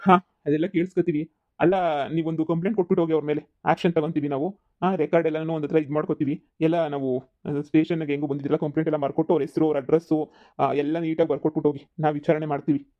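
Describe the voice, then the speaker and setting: A man's voice: fairly high pitch, flat delivery, racing, dull audio, lightly acted. A man voicing a patient, sympathetic police officer for a cartoon comedy. He speaks in a reassuring, matter-of-fact way.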